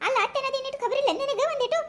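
A woman voicing a sharp-tongued, stubborn old grandmother with a North Karnataka accent, scolding in coarse village speech in a comic sketch. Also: very high voice, steady tone, racing, a little hiss or hum. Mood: defensive. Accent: North Karnataka Kannada.

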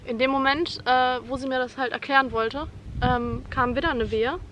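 A woman's voice: high voice, steady tone, normal speed, noisy background. A young woman vlogging a personal story, retelling it vividly and dramatically at home. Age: young adult. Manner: vivid, dramatic retelling, acting out her own screams and quoting others. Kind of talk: personal birth story told to camera.

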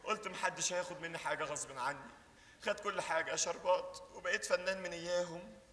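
An excitable, lovesick young man with an Egyptian accent. His voice is high, bright and fast, and it bursts into loud shouts. The sound carries the long ring of a theater stage. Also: big-room sound, a little hiss or hum. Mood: pleading. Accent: Egyptian Arabic. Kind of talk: stage comedy acting.

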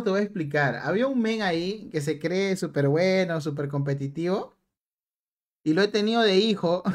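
A young man streams a game, reading chat aloud and teasing viewers. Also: sits high. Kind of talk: live stream chat while gaming.

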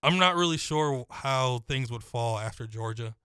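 A young man talks college football picks in a steady, confident flow, laying out detail after detail. His voice is smooth and clear, recorded close and dry with no room sound. He sounds at an everyday middle pitch. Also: moderate pace, dry recording. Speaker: co-host. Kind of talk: casual sports chat.

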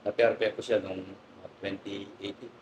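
A man's voice: fairly low pitch, moderate pace, muffled recording, background noise. Laughing man telling pigeon-race stories. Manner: animated anecdotes, laughing often; polite, says "po" and "sir". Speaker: guest pigeon racer. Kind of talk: casual storytelling interview.

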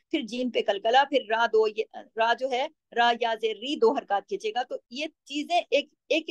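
A woman teaching Quran recitation rules, explaining patiently and slowing down to demonstrate each word in a drawn-out chant. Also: a little high, no room sound.

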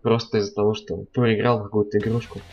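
A man's voice: lowish voice, level tone, fast, a little mellow, dull audio. A man giving live commentary on a fighting game stream, as a stream commentator. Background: game music and sound.

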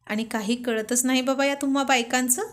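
A playful young husband who teases his wife and coaxes her gently, read by a woman. The voice sits a little high for a man. It is told as a storybook scene. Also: steady tone, fairly quick, lightly acted. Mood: teasing. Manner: teasing, coaxing.

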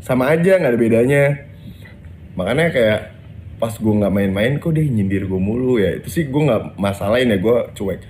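Mellow-voiced man talking blunt street slang. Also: fairly low pitch, animated, normal speed, slight background noise. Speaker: content creator. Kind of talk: casual video clarification.

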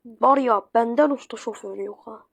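Chatty woman gamer, higher voice. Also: moderate pace, vocal fry, no room sound. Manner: chatty, addresses viewers, swears when flustered. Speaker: gaming YouTuber. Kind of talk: let's-play commentary. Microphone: phone screen recording.

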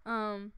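A woman giving casual, excitable commentary over her own gameplay, breaking into sudden dramatic outbursts, speaking into a headset mic. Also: medium pitch, smooth, no room sound. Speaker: gaming video creator. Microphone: headphones with mic.

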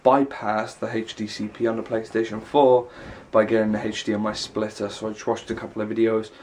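This young adult vlogger has a lowish, slightly mellow voice and a level tone, speaking briskly despite a congested nose and sore throat. He rambles in run-on sentences while filming handheld at arm's length in small rooms of his house, with a little hiss or hum on the audio.

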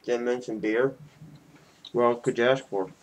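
Recording a homemade webcam vlog in a small room at home, a man in his twenties rambles loosely to his friends after a few beers. His medium-pitched voice is steady and at normal speed, while the webcam mic at arm's length adds faint noise.

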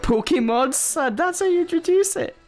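A man giving excited let's play commentary, giggly and full of exclamations. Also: extremely high pitch, normal speed, faint music behind.

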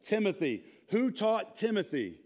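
A man in his thirties teaching a church class in an animated, informal way, quizzing the group. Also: sits high, measured pace. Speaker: Bible teacher. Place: church sanctuary, speaking to a small audience.

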